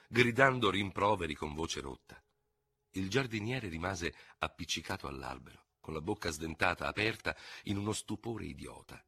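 Husky, forceful male audiobook narrator. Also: deep voice, no echo, clean studio sound. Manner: dramatic, expressive storytelling. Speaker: audiobook reader. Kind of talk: scripted narration of a novel.

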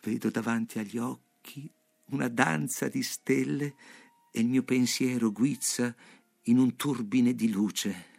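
A man reading a novel aloud on the radio in an expressive, dramatic manner. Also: mid-range voice, measured pace, creaky. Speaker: audiobook reader.

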